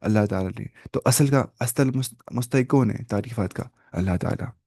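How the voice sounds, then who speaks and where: Male teacher, patient step-by-step explainer who quizzes his class, warm mellow tone, dry close sound. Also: lowish voice, gravelly, breathy edge, no echo. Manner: repeats key words and asks the class quick check questions; patient step-by-step explaining, mixing in English terms. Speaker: Arabic teacher. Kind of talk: online language lecture.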